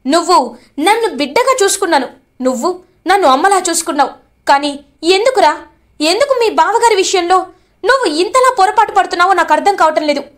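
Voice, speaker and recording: A woman's voice: very high-pitched, lively intonation, a little fast, pauses often. A woman voicing an older sister and loyal wife, asking anxious questions and pleading emotionally. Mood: reproachful.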